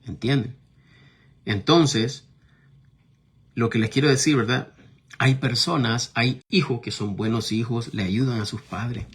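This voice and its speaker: Speaking with a Nicaraguan accent, a middle-aged preacher weaves his own testimony into a sermon, talking conversationally and repeatedly using tag questions to check on his audience. His husky, medium-pitched voice moves a little slowly.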